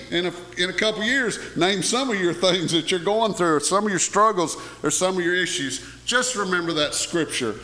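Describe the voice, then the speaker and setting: Man, pastor preaching, high voice, bright, echoey hall. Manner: folksy storytelling preacher. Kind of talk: sermon. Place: church sanctuary. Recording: echoey hall with long reverb.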